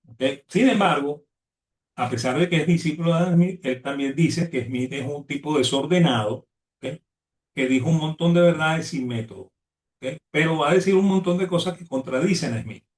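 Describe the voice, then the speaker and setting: A man's voice: medium pitch, far from the mic. A man giving a university economics lecture, ending nearly every phrase with "¿ok?" and often restarting his words. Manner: constant "¿ok?" tag, restarts words. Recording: echoey room, voice away from mic.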